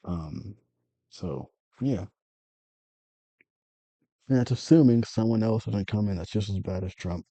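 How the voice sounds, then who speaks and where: A man with a low, very dark and husky voice rambles through a personal monologue, circling back and correcting himself as he goes. The sound is dry and close, with no room around it. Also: a little slow, pauses often, no room sound. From United States. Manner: meandering, self-correcting, frequent swearing. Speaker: vlogger.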